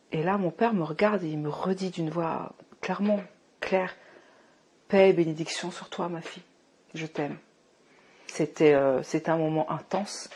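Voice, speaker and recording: A woman in her thirties from France giving a personal faith testimony, emotional and often restarting, moving between hushed and fervent speech. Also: lowish voice, husky. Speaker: testimony speaker.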